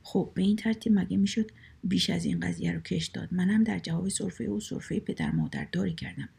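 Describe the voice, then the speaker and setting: A woman's voice: lowish voice, big pitch swings, gravelly, dark tone, slightly rough. A woman reading a comic short story aloud as narrator, in a wry, conversational manner.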